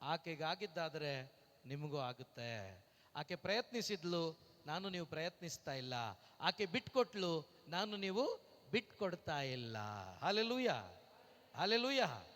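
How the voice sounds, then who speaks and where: A man's voice: a little high, expressive, fairly bright tone. A man preaching a sermon, asking the congregation rhetorical questions and calling out hallelujahs between lines. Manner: breaks into slow sung lines. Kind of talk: Pentecostal-style sermon. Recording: long reverb in a hall.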